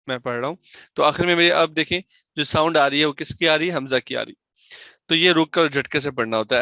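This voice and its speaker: A man's voice: on the high side, pushed and bright, dry recording. A man teaching Quran recitation in a recorded lesson, explaining patiently, asking questions and answering them himself, and sounding out example syllables.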